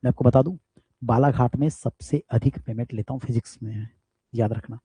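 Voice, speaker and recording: A man's voice: medium pitch, steady tone, brisk, slightly rough. A man from India, a physics teacher, giving students an emphatic, motivational aside during an online class and often checking that they follow. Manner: emphatic, talks straight to students with repeated tag questions; loud forceful speaker.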